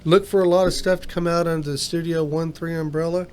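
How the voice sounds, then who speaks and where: A man's voice: on the high side, flat delivery, quick pace, a little mellow, a little hiss or hum. A man hosting a casual podcast, talking in a folksy, upbeat way. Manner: folksy, upbeat sign-off talk. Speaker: podcast host.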